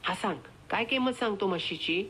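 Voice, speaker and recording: A woman's voice: mid-range voice, a little fast, fairly bright tone, a little hiss or hum, lightly acted. A woman reading aloud voices a shrewd, confident landowner man who bargains in a commanding, emphatic way. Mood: bossy.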